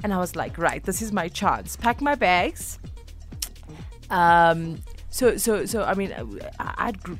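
A young South African woman speaking with a South African English accent as a journalist guest in a radio studio, telling stories in an animated, laughing way with lots of restarts. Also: fairly low pitch, slow, soft background music. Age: young adult. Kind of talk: casual radio interview storytelling.

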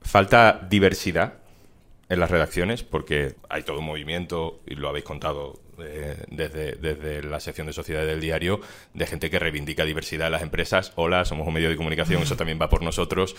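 A man's voice: extremely low pitch, fairly even intonation, fairly quick, a bit bright. A man with a Spanish accent from Spain hosting a live podcast interview, asking probing questions. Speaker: podcast host.

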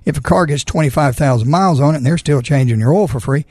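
Folksy guy chatting on radio, kinda raspy soft-edged voice, dry close sound. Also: on the high side, fast talker, no echo. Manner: folksy, plain-spoken. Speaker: auto repair shop owner, radio guest. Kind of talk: casual radio talk about car repair.

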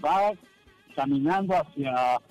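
A man calls a radio show and slowly tells a joke, step by step. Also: a little high, darkish tone, soft background music, poor audio. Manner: slow, deliberate storytelling. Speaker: caller. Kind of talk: telling a joke on a radio call-in.

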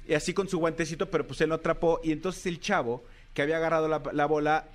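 A man's voice: fairly high pitch, fast. A man with a Mexican Spanish accent co-hosting a radio show, telling stories in casual chat and acting out quotes. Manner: animated storyteller, acts out quotes.

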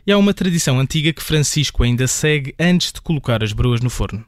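A man, a radio reporter reading scripted narration in a measured way. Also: medium pitch, animated, no echo, studio quality.

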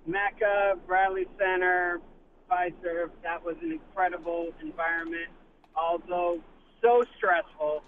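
A man phoning a sports radio show from his car, chatting casually as a fan in a halting way. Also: high voice, little pitch movement. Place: inside a car while driving. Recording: phone line with road noise.

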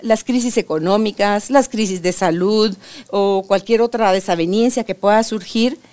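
An older woman in a casual interview, sharing relationship advice with her granddaughter in an emphatic, animated storytelling manner. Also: mid-range voice.

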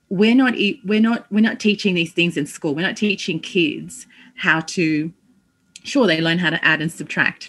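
A woman giving a reflective interview answer, earnest and halting as she searches for words. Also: lowish voice, fairly bright tone. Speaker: podcast guest.

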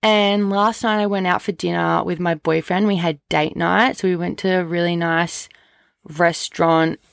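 A woman's voice: fairly low pitch, flat delivery, moderate pace, gravelly, no room sound. A young woman chatting informally as a solo podcast host, recorded on a cheap-sounding microphone. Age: young adult. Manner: informal, chatty, frequent "like" and "literally". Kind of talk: casual solo podcast chat. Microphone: low-quality microphone. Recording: cheap USB mic sound, close and dry.

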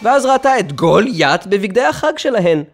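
A man narrating a children's story in an expressive, storytelling manner. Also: high-pitched. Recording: music playing under the voice.

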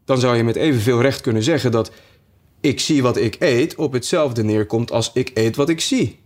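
A man's voice: medium pitch, moderate pace, darkish tone, close to an everyday voice. Hatter: a man doing a cross, grumbling hatter. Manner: cross, scornful. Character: grumpy, contrary eccentric male hatter.

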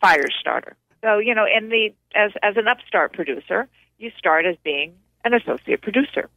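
A woman's voice: mid-range voice, expressive, normal speed, no echo. A woman film producer talks through her memories as an interview guest, chatty and full of restarts. Her voice arrives over a tinny phone line with a narrow band. It sounds dry and close. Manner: talkative, with frequent restarts and fillers. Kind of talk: casual interview recollection.

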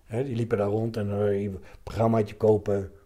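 Halting older man reminiscing. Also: lowish voice, flat delivery, dark tone. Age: 70s. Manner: halting, anecdotal telling in short fragments. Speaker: interviewee, retired commando veteran. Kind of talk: casual reminiscing in an interview.

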